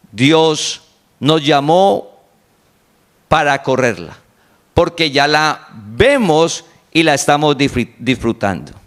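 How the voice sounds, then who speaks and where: A man preaching a sermon to his congregation, repeating key phrases slowly for emphasis. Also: on the high side, a bit bright. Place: online congregation meeting.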